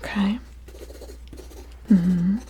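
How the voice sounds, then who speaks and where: A woman in an ASMR role-play, mumbling to herself in a breathy soft voice with soft murmurs, hums and half-finished phrases that trail off. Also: medium pitch, steady tone, very slow, lo-fi sound, a little hiss or hum. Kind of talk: ASMR role-play of studying the listener and taking notes.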